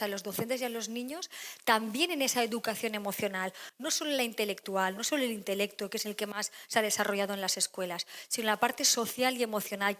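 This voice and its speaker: A woman giving a conference talk on emotional education to an audience, lively, acting out quoted voices. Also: fairly high pitch. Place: lecture hall.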